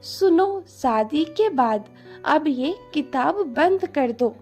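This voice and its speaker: A woman's voice: sits high, expressive, slow pace, a little mellow, soft background music, heavily acted. A woman voicing a cold, controlling young husband who speaks sternly and dismissively.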